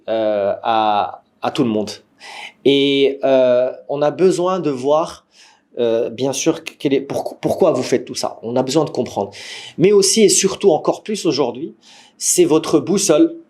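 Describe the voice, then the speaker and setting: A man with a Moroccan French accent gives an online training to startup teams through his computer mic. His pitch sits in the middle, and he talks in a lively, questioning way, often asking if everyone agrees and restarting his sentences. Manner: says he is a gamer. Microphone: computer mic on a video call.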